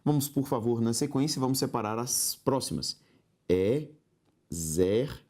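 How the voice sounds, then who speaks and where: A Brazilian man teaching grammar in a recorded exam-prep lesson, talking straight to the student, spelling out syllables slowly and tagging points with a rising "ok?". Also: medium pitch, steady tone. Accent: Brazilian Portuguese. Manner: didactic, addresses student directly with frequent "ok?".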